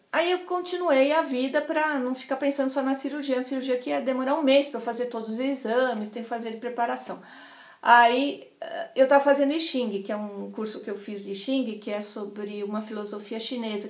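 A woman's voice: on the high side, a little fast. A middle-aged woman tells a personal story in a casual, chatty way, acting out what other people said. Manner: animated, chatty, acts out other people's lines. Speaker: vlogger sharing a personal experience. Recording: roomy, echoey room sound.

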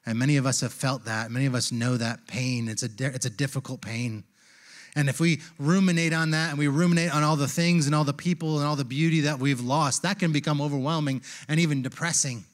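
Speaking at a medium pitch with a steady tone, a man in his forties preaches a sermon on a church stage, talking a little fast into a handheld mic. His storytelling is conversational and turns quiet and reflective.

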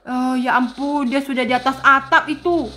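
A woman narrating and voicing a school game role-play, talking excitedly to her viewers as friends. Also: high-pitched, normal speed.

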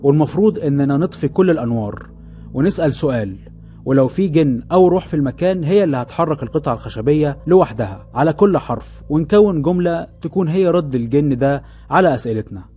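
Over background music, a man with an Egyptian Arabic accent tells scripted first-person horror stories in a suspenseful way. His voice is fairly high and mellow, animated and quick, with a little hiss or hum on the recording.

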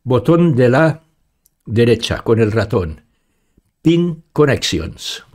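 A man in his sixties with an accent from Spain presents an informal, step-by-step software tutorial, talking each step through aloud. His voice is medium-pitched, sing-song and slow. He speaks into a close-up studio microphone, wearing headphones.

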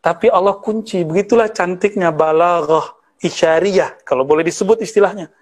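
High-pitched preacher guy in his 30s, chatty religious lecture, jokey with his listeners. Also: fairly quick. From West Sumatra, Indonesia. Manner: conversational, teasing, mixes Arabic terms. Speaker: Islamic preacher.

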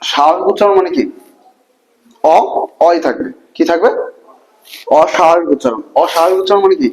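Male teacher, a touch high-pitched, quizzes the class as he goes. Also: expressive, a little fast, rough recording. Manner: asks the class repeated questions, colloquial. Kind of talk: classroom grammar lesson.

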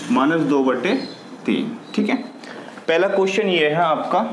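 Male maths teacher, Hindi accent, patient step-by-step explainer; roomy recording with faint hiss. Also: on the high side. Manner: explains step by step, asks and answers his own questions. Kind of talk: classroom lesson. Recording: echoey room with faint noise.

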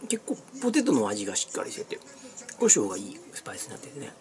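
Middle-aged snack-review vlogger, Kansai accent, colloquial and animated, mid-pitched, small noisy room. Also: quick pace. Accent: Kansai Japanese. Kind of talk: casual snack-review vlog chat. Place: small cluttered room indoors. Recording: clearly noisy room recording with clicks.

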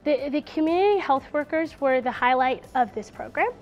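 A young woman student reflecting on the program in a heartfelt, animated way. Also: high voice, moderate pace, lo-fi sound, faint music behind. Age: young adult. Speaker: student participant. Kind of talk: reflective interview.

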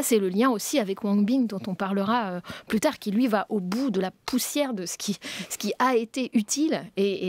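A middle-aged woman speaks as a critic on a radio panel, searching for her words and restarting phrases. Her voice is mid-pitched and recorded close on a studio microphone. The sound is dry. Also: a little mellow, dry recording. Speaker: film critic. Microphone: studio microphone with headphones.

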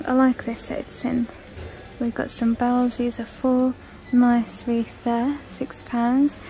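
A woman's voice: fairly high pitch, little pitch movement, slow pace, mellow, faint music behind, low-quality recording. A woman casually walking through a large store, chatting and listing prices as she films on her phone. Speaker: shopping vlogger. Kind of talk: casual shop-with-me walkthrough. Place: large indoor retail store. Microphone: handheld phone camera.

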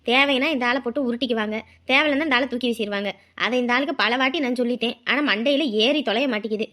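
Woman playing a fast-talking gossipy housewife. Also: fairly high pitch, a bit bright, lightly acted. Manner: rapid gossipy complaining. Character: village housewife griping about her in-laws. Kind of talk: comedy sketch acting.

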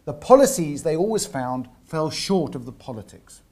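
A man giving an academic seminar lecture at a university, often pausing and repeating words as he searches for the right phrasing. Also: a little high, big pitch swings, a little mellow. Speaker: visiting lecturer.

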